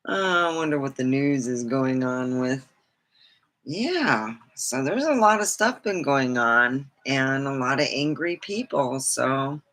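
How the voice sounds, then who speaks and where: Bright, slow-talking casual livestream host. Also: medium pitch, animated. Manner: slow, loose, drifting between thoughts. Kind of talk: casual rambling chat.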